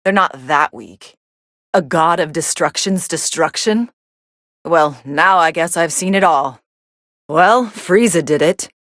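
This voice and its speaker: A woman's voice: sits low, slow, fairly bright tone, no room sound. A woman playing a cool, sardonic young female android fighter commentating matches in an anime video game, with a dry, sarcastic delivery. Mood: dry, mildly impressed.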